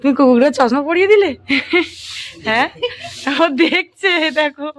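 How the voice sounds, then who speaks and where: A young woman, chatting to her viewers in a casual family vlog at home and calming a child as she films on her phone. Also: high voice, moderate pace. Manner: chatty, pointing things out to viewers, soothing a crying child. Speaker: family vlogger, mother.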